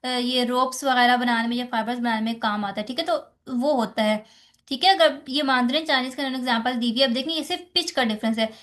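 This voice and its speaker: Pakistani woman lecturer, high voice, explains patiently, asks questions and answers them herself. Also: quick pace, fairly bright tone. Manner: explanatory, repeats rhetorical questions and "theek hai". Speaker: teacher. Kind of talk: exam-focused lecture on phonetics.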